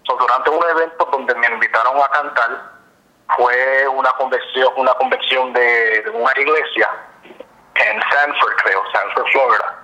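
A man's voice: medium pitch, unhurried, sharp tone, muffled recording. A man from the United States, a gospel singer and minister, telling his story fervently in an interview, dropping English fillers.

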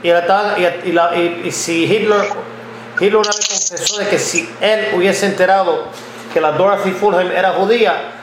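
Male interviewer, 50s, high register, halting delivery, echoey noisy recording. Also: steady tone. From United States (Ohio). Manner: halting, repeats words often while telling a story. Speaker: interviewer, blogger and journalist. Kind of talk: conversational interview. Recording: echoey room with background noise.

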